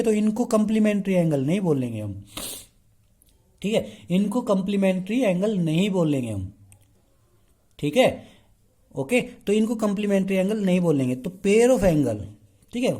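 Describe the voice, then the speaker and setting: Man, math teacher, mellow warm voice, asks and answers his own questions, keeps checking in with the class. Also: high-pitched. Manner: mixes Hindi with English terms, asks the class rhetorical questions and answers them; keeps checking in with the class by saying "okay" again and again. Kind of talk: explaining a lesson.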